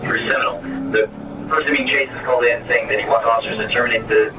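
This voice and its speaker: A police officer over a police radio, giving terse, clipped call-outs of streets and speeds during a pursuit. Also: male voice, mid-range voice, steady tone, fast talker, lo-fi sound. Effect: heard over a police radio. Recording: distant, very noisy radio transmission.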